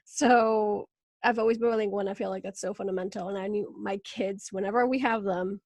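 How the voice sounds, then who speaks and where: A woman's voice: medium pitch, fairly even intonation, a little fast, darkish tone, no echo. A woman from Venezuela hosting a podcast interview, bubbly and laughing often in casual chat. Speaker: podcast host.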